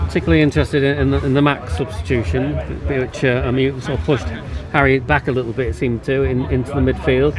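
Fast-talking male sports interviewer outside. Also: fairly even intonation. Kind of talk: post-match interview questions. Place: outdoors on a football pitch. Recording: outdoor pitch with crowd noise behind.

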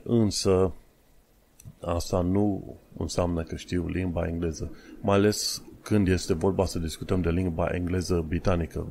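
Deep-voiced podcast host. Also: male voice, warm tone. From Romania. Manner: explains pronunciation, drawing out and repeating words. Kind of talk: casual podcast monologue.

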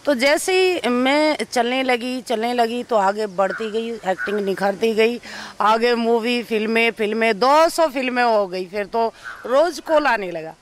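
An actress being interviewed, telling an emotional personal story and acting out what others said. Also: female voice, a little high, measured pace, a little hiss or hum. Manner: recounts events by acting out others' speech.

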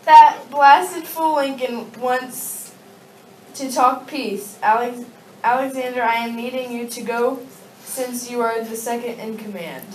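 A sock-puppet leader, played by a young woman in an amateur show, reciting stiffly. The voice is fairly high and comes from off the mic in a very echoey room. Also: fairly even intonation, moderate pace, natural voice. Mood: commanding, grave. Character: sock-puppet Confederate leader, commanding interviewer. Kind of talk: amateur puppet-show role-play, scripted. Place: darkened room with projection screen, puppeteers low at front. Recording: echoey room, distant mic, faint noise.

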